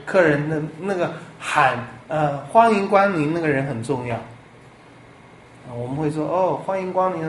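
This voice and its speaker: A male pastor delivers an animated sermon, tossing out rhetorical questions. His voice sits a little high. It echoes around a reverberant room with faint background ambience. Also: a little hiss or hum. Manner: animated, rhetorical questions, lively swings in loudness.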